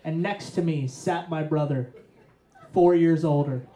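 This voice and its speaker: Young male stand-up, slightly high voice, dry profane storytelling, echoey venue. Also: unhurried, a faint crowd. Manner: profane, deadpan build to punchlines. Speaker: stand-up comedian. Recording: roomy echo.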